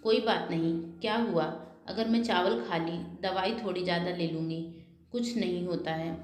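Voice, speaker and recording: A woman voicing an elderly, ailing mother who speaks softly and pleadingly, recorded in an echoey room. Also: fairly low pitch, moderate pace, lightly acted.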